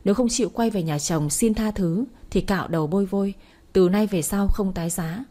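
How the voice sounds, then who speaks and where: A woman's voice: medium pitch, a little fast, warm tone, close to an everyday voice. Woman reading a cold, stern clan uncle. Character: harsh older uncle, clan elder.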